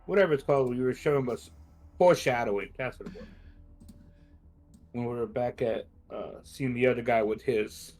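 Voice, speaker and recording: A man's voice: medium pitch, brisk, pauses often, a little mellow, soft background music. A man playing in a tabletop game, chatty and eager as he talks through his character. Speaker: player. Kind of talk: casual tabletop play.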